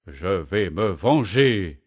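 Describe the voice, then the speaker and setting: A man voicing a big, blustering male woodcutter with a mustache, shouting indignant outbursts in a children's storybook reading. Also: lowish voice, slow. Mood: vengeful.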